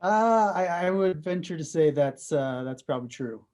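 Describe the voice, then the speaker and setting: A man's voice: a little high, lively intonation, moderate pace, a little mellow. A man of about thirty from Utah, a podcast guest giving laid-back, short and dry answers. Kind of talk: casual interview chat.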